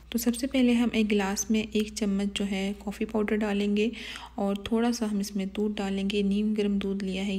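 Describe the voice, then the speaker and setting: A woman narrates a home recipe as a voice-over, guiding viewers calmly through each step. Her voice is warm and mellow, with little rise and fall, and it stays level and steady throughout. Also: mid-range voice. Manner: calm step-by-step instructions with soft asides. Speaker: cooking channel host.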